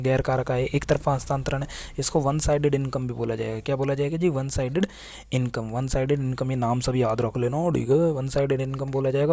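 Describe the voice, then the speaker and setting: Chatty male teacher, mellow dry voice. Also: medium pitch, no room sound. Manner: chatty, asks and answers his own questions, voices imagined students. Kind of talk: casual Hindi classroom lecture.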